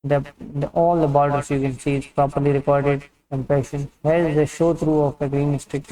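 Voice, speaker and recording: A man's voice: on the high side, flat delivery, normal speed, warm tone. A man narrating a dental lesson, methodically explaining each step of a procedure. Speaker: dental instructor. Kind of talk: instructional demonstration narration. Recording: roomy and distant from the mic.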